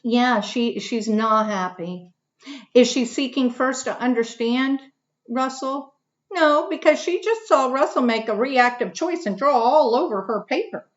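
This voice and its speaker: A woman's voice: a little high, measured pace. A woman teaching a lesson to young children, reading a picture book aloud and asking questions she answers herself. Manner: animated, asks questions and answers them herself. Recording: dull lo-fi recording.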